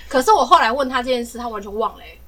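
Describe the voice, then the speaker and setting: A young woman co-hosting a podcast, telling a childhood story in a casual, animated way, often laughing. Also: fairly high pitch, racing. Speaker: podcast co-host.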